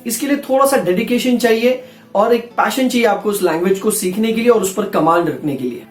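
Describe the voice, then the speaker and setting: A man, a voice-over artist, giving a casual, playful spoken lesson and talking to viewers as friends. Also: high-pitched. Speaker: voice-over artist teaching pronunciation. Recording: roomy echo with faint background music.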